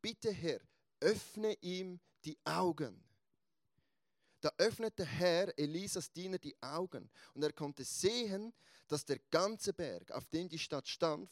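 A man preaching a sermon, retelling a Bible story in an animated, emphatic way. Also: high-pitched, no room sound.

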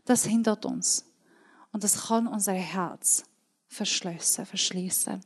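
A woman with a Swiss German accent preaching a sermon, earnest and emphatic, repeating key words and sometimes dropping to a soft, near-whispered tone. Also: mid-range voice, slow.

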